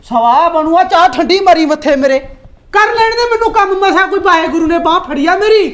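A woman's voice: very high-pitched, a bit bright. Woman playing a bragging village husband. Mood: bickering. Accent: Indian Punjabi. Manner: bragging, bickering, rapid comebacks. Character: boastful scheming village husband, middle-aged man. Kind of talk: comedy skit acting.

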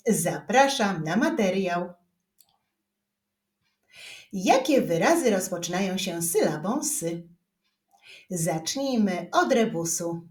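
A woman teaching young children to read, speaking slowly and clearly and drawing out each syllable. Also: medium pitch. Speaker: reading teacher. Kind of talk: slow children's reading lesson. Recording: roomy echo.

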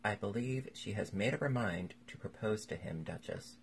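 A man's voice: on the low side, lively intonation, normal speed, creaky, slight background noise. A man doing a dry, cynical young lord. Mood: sardonic. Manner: dry, languid, sardonic.

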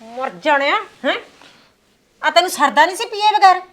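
Picture a stern village matriarch, played by a woman, her voice set high, who turns from gentle coaxing to fierce scolding and threats. She is middle-aged, caring toward her family, and sharp-tongued toward her son. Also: expressive, moderate pace. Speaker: mother and mother-in-law. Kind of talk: village family drama acting.

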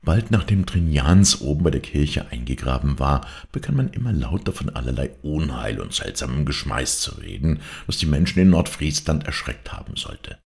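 Very deep, gravelly male storyteller. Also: moderate pace, few pauses. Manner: dramatic, expressive storytelling. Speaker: audiobook reader. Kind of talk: reading a classic novella aloud.

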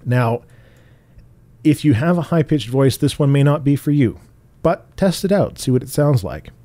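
A tutorial host with a naturally bassy, mellow voice talks through a software tutorial at an easy, normal pace. He explains in a relaxed way, now and then restarting a phrase. The home recording is close and dry, with no room sound.

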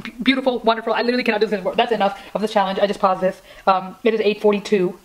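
A woman's voice: medium pitch, steady tone, rapid-fire, poor audio. A young woman vlogger chatting casually at home, rambling and self-deprecating, with a melodramatic, pleading way of talking. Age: young adult. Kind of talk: casual chatty challenge vlog. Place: indoors in a room at home.

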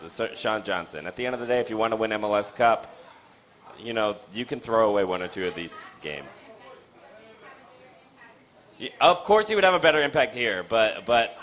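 Animated young man hosting soccer talk. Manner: animated, restarts often, jumps in pitch. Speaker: soccer show host. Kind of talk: casual post-game chat. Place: dim bar. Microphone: studio mic on stand with foam cover, headphones.

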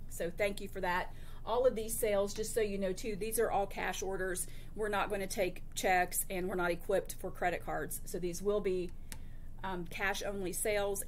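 Older woman, school administrator, casual and friendly, lots of ums, close laptop mic, faint hiss. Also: mid-range voice. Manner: friendly, chatty, with frequent fillers and restarts. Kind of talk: informal announcement to camera. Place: small office in front of a whiteboard. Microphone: laptop webcam at close range.

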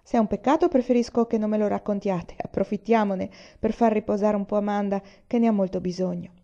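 Cheerful gentle middle-aged mother read by a woman, light delivery, mellow tone, dull lo-fi sound. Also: medium pitch, steady tone, unhurried, natural voice. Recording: dull lo-fi audio.

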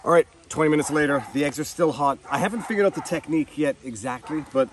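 Thirties man, selfie-cam travel vlogger outdoors, wry and chatty, slightly high voice. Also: quick pace, noisy background. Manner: playful, wry, chatty with his kids. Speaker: family vlogger. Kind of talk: casual family travel vlog. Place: outdoors at a campsite and roadside. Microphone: handheld camera at arm's length.

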